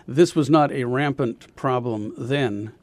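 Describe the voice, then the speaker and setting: Radio guest, man, insurance consultant, steady explainer, dry close sound. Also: medium pitch, no echo. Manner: measured, explanatory, with pauses and fillers. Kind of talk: radio interview answers.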